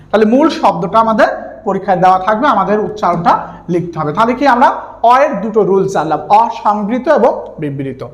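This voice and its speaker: A man with a Bangladeshi Bengali accent, teaching an exam-prep grammar lesson. He keeps asking questions and answering them himself, drawing out key words. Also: very high voice. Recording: roomy, echoey room.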